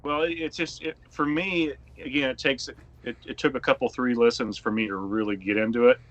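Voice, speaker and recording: A man co-hosting a band's podcast, chatting casually with excitable bursts and easy laughter. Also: mid-range voice, a little fast. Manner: excitable, loud outbursts and laughter. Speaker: podcast co-host, band member. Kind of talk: casual chat.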